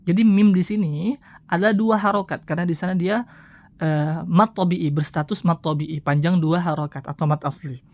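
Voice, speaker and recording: Woman teaching recitation, slow repeated drills. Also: fairly low pitch, steady tone. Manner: repeats phrases slowly to demonstrate, then explains briskly; gentle, often adds soft "ya". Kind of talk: tajwid lesson with slow demonstrations.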